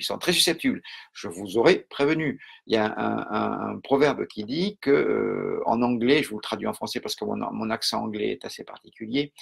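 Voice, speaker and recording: Un mec à l'accent français qui fait cours en direct, voix éraillée, ton posé avec plein de euh. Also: male voice, lowish voice, gravelly, husky. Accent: French. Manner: calm, measured, with many pauses and fillers. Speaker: mentalism teacher. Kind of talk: live online lesson.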